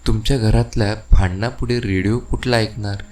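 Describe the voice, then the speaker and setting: A man reading the part of a quarrelsome, sharp-tongued housewife who snaps back at her neighbours. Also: lowish voice, fairly even intonation, normal speed, close to an everyday voice. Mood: indignant.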